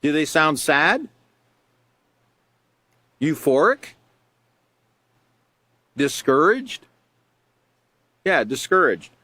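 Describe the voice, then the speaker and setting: A man's voice: on the high side, sing-song, very slow, long pauses, pushed and bright, no room sound. A man teaching a live character education class, reading out examples and patiently explaining them with rhetorical questions.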